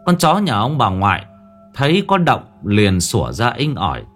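Expressive male horror storyteller. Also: mid-range voice, normal speed. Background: faint music.

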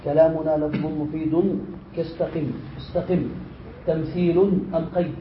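A man's voice: fairly high pitch, level tone, moderate pace. Male teacher quizzing students in an echoey room. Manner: quizzes students, repeats their answers, then reads and explains with rising force. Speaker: teacher of grammar. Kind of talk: classroom lesson with questions to students. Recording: roomy, dull lo-fi lecture recording with faint hiss.

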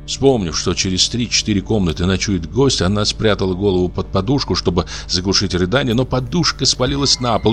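A man reads a literary story aloud in a measured, expressive audiobook style. His voice sits on the low side, and soft music plays faintly underneath. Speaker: audiobook reader.

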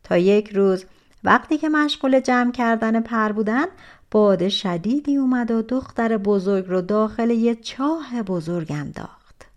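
Soft-spoken woman telling a fairy tale. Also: a little high. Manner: expressive, soft-spoken storytelling. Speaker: audiobook narrator. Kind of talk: storybook narration.

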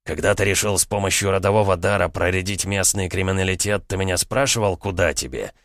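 A man's voice: low-pitched, fast talker, fairly bright tone, no echo, studio quality. A man voicing a stern older prince who gives curt, menacing commands to his son. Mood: cold, scolding. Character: stern, cold older male prince, a father.

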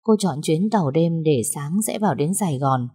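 A woman narrating a story in a calm, measured reading voice. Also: deep voice, slightly rough.

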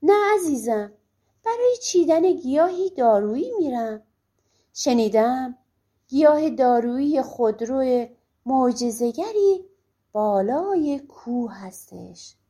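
A woman's voice: sits high, lively intonation, warm tone. A woman doing an eager young wife. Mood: tender. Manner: earnest, tender.

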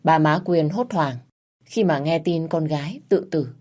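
A woman reading a story aloud with a deep, low voice. Her telling is steady and measured, moving through the plot at an even pace. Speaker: narrator. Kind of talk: story narration.

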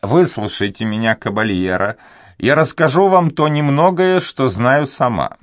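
A man voicing an elderly devout Spanish duenna who pleads and sighs, raising his voice high for her. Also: lively intonation, a little slow, no room sound, clean studio sound, lightly acted. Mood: earnest pleading. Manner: sighing, pleading, high raised voice. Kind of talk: audiobook character reading.

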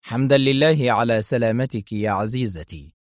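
A man voicing a calm, sarcastic male hero who stays unflappable, in a dry recording. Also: mid-range voice, brisk, no echo, lightly acted.

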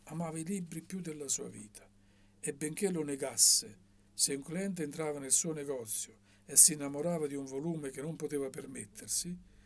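A man reading a novel aloud in a measured, expressive way. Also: on the high side, gravelly, slight background noise. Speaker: audiobook reader.

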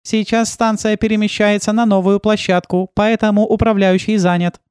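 A courteous female robot guide with even, helpful speech, as a reader puts her on. The voice is raised well above the reader's own. The recording is close and dry. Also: mid-range voice, moderate pace, smooth, dry recording, pitched above the performer's own voice, close to an everyday voice. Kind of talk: audiobook role-play.

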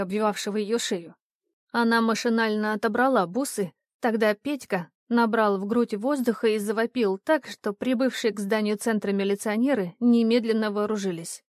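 A woman reading an audiobook in even, measured scripted narration. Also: fairly high pitch, no room sound, clean studio sound.

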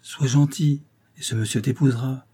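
Sly young niece, flat and blunt, husky; a man reading her lines. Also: mid-range voice, normal speed, natural voice. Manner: blunt and matter-of-fact. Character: sly, blunt young girl, spiteful and stubborn.

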